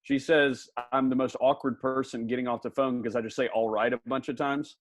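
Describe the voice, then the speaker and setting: A man's voice: medium pitch, fairly even intonation, a little fast, no room sound. A man from Memphis, a pastor and mission director, speaking as a guest with wry, hesitant humor. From Memphis, Tennessee. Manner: wry, self-deprecating, hesitant with fillers. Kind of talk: casual podcast interview.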